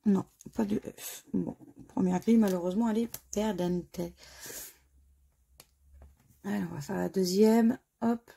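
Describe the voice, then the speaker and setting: A woman from France commenting as she scratches lottery tickets, spelling out letters one by one in a slightly hoarse voice. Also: medium pitch, steady tone, a little slow, long pauses, dark tone. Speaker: scratch-card video host. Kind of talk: casual scratch-card commentary.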